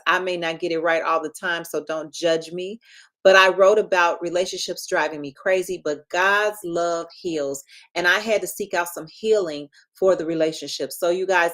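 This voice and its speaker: Lively chatty woman, slightly low voice. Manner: lively, chatty, self-deprecating asides. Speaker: relationship and marriage coach. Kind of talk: casual promotional live stream talk.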